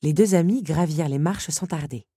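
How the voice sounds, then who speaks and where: A woman reads a storybook aloud with a low, husky voice in a measured, expressive way. Her tone is warm and mellow, recorded close with a dry sound. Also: no echo. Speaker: narrator. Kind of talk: storybook reading.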